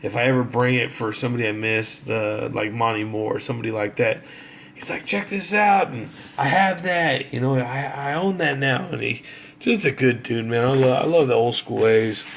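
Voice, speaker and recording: Gravelly, easygoing man telling stories. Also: medium pitch, moderate pace, slight background noise. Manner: laid-back, rambling, slangy, swears casually. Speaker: autograph collector and fan. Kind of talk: casual storytelling vlog.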